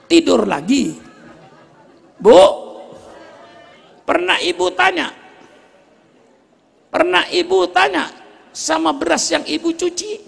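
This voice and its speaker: A man in his eighties preaching a sermon to a gathering, joking with the audience and rising to shouts. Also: very high-pitched, creaky. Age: 80s. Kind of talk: religious sermon. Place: gathering before a crowd.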